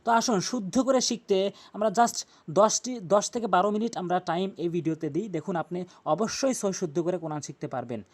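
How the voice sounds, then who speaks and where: A man with a Bangladeshi Bengali accent teaching tajweed, spelling Arabic letters out slowly and chanting verses in long drawn-out tones. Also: sits high, darkish tone. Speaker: Quran recitation teacher. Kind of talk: tajweed lesson with recitation.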